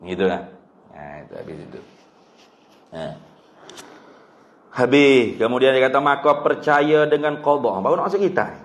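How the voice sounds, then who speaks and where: A man's voice: medium pitch, lively intonation, moderate pace, pauses often, roomy sound. A man with a Kelantanese Malay accent teaching a religious study class, joking and drilling terms by repeating them. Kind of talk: kitab study class lecture.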